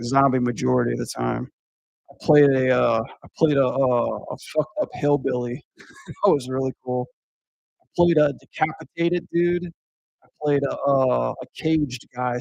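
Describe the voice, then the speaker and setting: A podcast guest recounting a job at a haunted house rambles in casual chat, swearing a lot and leaning heavily on fillers like "like" and "you know." His mid-range voice is gravelly, and the dry recording has poor audio.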